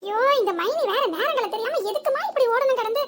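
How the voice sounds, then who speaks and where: A woman's voice: very high-pitched, animated, fast, heavy background noise. A woman voicing a chatty, teasing young village wife in a comic cartoon, with a southern Tamil Nadu accent and gossipy muttered asides. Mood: grumbling asides.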